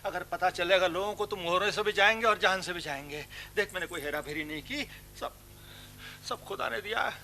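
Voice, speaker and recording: Giddy poor woodcutter, telefilm acting, exclaiming and fretting, very bright tense tone. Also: male voice, high voice, a little fast, slight background noise. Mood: panicked. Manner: exclaims, frets and shushes. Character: poor woodcutter Ali Baba, giddy and jumpy. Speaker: actor. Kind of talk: stage-style telefilm acting with sung verses.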